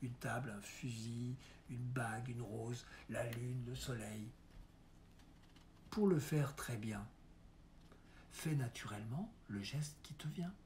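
A man reading the part of an aging male stage mime who coaches his son before a first performance, earnest and coaxing, with soft hushed asides. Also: medium pitch, slow, slight background noise, natural voice. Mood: coaxing mentor. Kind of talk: dramatic monologue reading.

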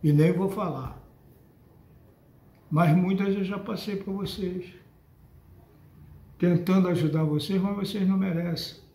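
A man's voice: high voice, steady tone, a little slow, pauses often, mellow, echoey room. An older man with a Brazilian Portuguese accent lectures his followers on a spiritual book in an emphatic, scolding tone. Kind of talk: monologue addressed to followers.

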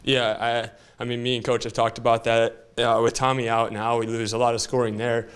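A young man, a college basketball player, answering postgame questions in a modest, slightly halting way. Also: medium pitch, flat delivery, clear, resonant tone. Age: young adult. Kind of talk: postgame interview.

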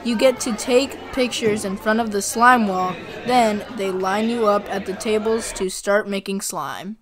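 Young vlogger narrating a review. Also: female voice, medium pitch, a little slow, a crowd in the background. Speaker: vlog host. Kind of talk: scripted voice-over narration.

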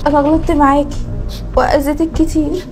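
An actress playing a jealous young Egyptian wife who is curt and sharp with guests, speaking with an Egyptian Arabic accent. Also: female voice, high voice, flat delivery, fast, music in the background. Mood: pleading, remorseful. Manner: sharp and curt, then pleading. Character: jealous scheming young wife turning remorseful. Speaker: wife in a family drama. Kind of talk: Egyptian web drama acting.

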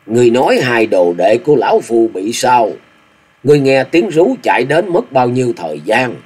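A man voicing a fierce old male martial-arts villain who barks gruff demands. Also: on the low side, very animated, fast talker, mellow, exaggerated voice. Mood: agitated.

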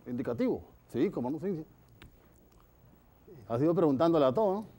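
A man with a somewhat high voice rambles through his jokes on stage. He talks loosely and sinks to a soft murmur when he plays the lovers. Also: lively intonation, brisk. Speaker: stand-up comedian. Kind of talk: joke telling on stage.

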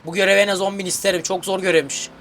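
A man giving let's play commentary as a gaming YouTuber, excitable and grumbling, cursing at the game. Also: sits high, racing, slight background noise.

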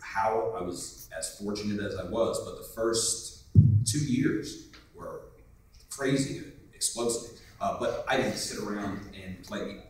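A man's voice: on the low side, measured pace, slight background noise. Joking man telling a story on a panel. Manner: rambling, joking. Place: hotel conference room. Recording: echoey room from far off.

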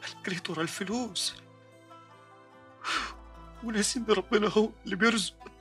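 An actor playing a guilt-ridden man facing execution, confessing his betrayals to a friend in halting, despairing Egyptian Arabic. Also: high voice, a bit bright, soft background music. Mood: anguished.

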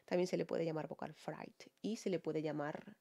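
Spanish-accented woman singer doing a reaction vid, excitable, repeats herself a lot, keeps asking the viewers stuff. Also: deep voice, normal speed, vocal fry. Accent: Peninsular Spanish. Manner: excitable, repeats words for emphasis; talks to viewers with frequent tag questions. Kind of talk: music reaction commentary.

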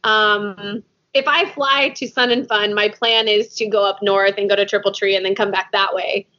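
A woman hosting a podcast, telling stories in a lively way and acting out what people said. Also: mid-range voice, moderate pace. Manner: animated storyteller who acts out quotes. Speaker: podcast host. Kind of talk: casual podcast chat. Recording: dull lo-fi audio.

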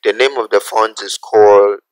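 A man teaching a graphic design software tutorial, talking through each step slowly and checking in with "okay?" as he goes. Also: fairly low pitch, steady tone, clear, resonant tone, dry recording, low-quality recording. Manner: unhurried, repeats steps, asks "okay?" often. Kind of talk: screen-recorded software tutorial.

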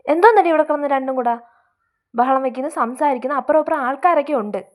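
A bossy middle-aged mother-in-law, put on by a woman in a comedy sketch, scolds in a shrill, domineering voice. She sits a little high. She sounds loud and keeps pushing her point. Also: lively intonation, fast talker. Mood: scolding.

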